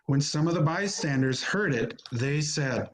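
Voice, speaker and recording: A man narrating a scripture reading in a measured, solemn manner. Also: on the high side, lively intonation. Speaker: narrator in a church Passion reading.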